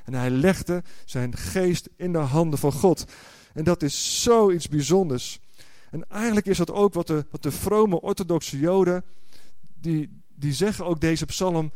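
A man's voice: fairly high pitch, mellow, no room sound. A man preaching a sermon, explaining word meanings and building to fervent, emphatic exclamations with repeated words.

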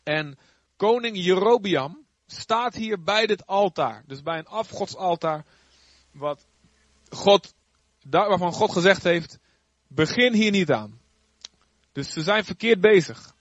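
A man teaching a Bible story in a casual, animated way, acting out the characters' lines. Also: high-pitched, takes it slowly, dry recording, muffled recording. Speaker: youth preacher.

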